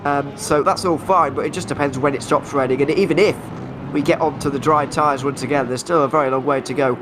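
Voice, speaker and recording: A man's voice: fairly high pitch, steady tone, a little fast, noisy background. A man with an English Midlands accent giving live commentary on a racing event. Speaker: motorsport commentator.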